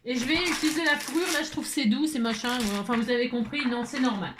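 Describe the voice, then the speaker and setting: A woman's voice: on the high side, fast talker. Chatty exasperated French craft host woman. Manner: chatty, exasperated, keeps adding "hein". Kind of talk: casual crafting tutorial. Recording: echoey room, faint noise.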